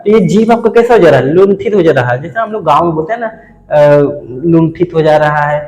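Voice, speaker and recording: Male teacher, high voice, lecturing in a roomy, echoing space; quizzes the class and answers himself. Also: expressive, fairly quick, a little mellow. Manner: explains at a board, asks and answers his own questions.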